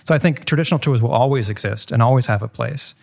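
A man's voice: mid-range voice, fast, vocal fry, a little mellow. A man speaking as a museum tour guide guest in a podcast conversation, casual and reflective.

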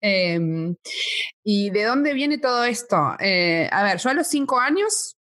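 A woman's voice: mid-range voice, big pitch swings, takes it slowly, fairly bright tone. Woman, thirties, buenos aires accent, casual interview guest, chatty, laughs a lot. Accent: Rioplatense Spanish, Buenos Aires. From Argentina. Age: 30s. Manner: chatty, laughs often, many fillers. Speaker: guest, space science communicator.

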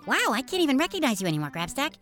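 An earnest young boy superhero, eager but a little anxious, played by a woman. The voice sits high and bright, with a lively, bouncy pitch. It is a children's audio drama hero. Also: very fast, soft background music.

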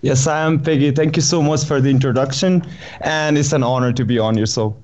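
A man's voice: medium pitch, fairly quick, a little mellow. A man in his twenties from Nepal, a startup founder answering interview questions with hesitant fillers. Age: 20s. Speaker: startup CEO guest.

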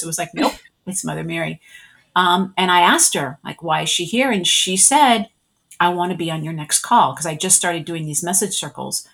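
A woman's voice: fairly low pitch, vocal fry, a bit bright. A middle-aged woman, a spiritual energy worker, telling her life story in a casual interview and acting out her own past thoughts.

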